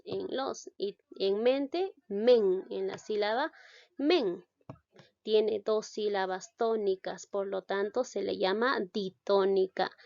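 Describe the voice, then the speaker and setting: A woman's voice: mid-range voice, darkish tone, no echo, highs cut off. A woman teacher giving a spoken grammar lesson, stressing syllables and asking the class questions as she goes.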